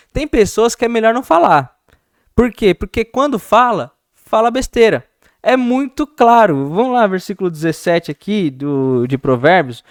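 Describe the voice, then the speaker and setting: A young man teaching a youth Bible class in a loose, conversational way, repeating his phrases and acting out calm replies. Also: sits high, no echo, studio quality. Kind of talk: casual church Bible lesson.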